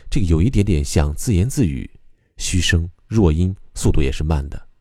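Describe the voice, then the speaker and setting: Man, recitation lesson, very deep voice, dark tone, calm methodical explaining. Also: normal speed, dry recording, studio quality. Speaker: recitation teacher. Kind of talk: explanatory lesson on reading poetry aloud.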